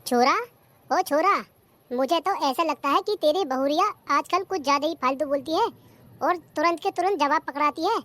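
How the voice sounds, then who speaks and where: A performer doing a squeaky, nagging old village mother-in-law. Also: normal speed, a bit bright. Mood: scolding. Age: older. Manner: nagging, taunting, complains about the old days. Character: scolding old village mother-in-law, bossy and sharp-tongued. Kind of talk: cartoon comedy skit.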